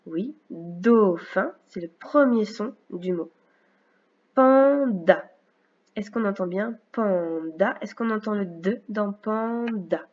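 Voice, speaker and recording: A woman teacher giving a recorded phonics lesson, speaking slowly and clearly with patient explanations for a young child. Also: mid-range voice, muffled recording. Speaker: first-grade teacher.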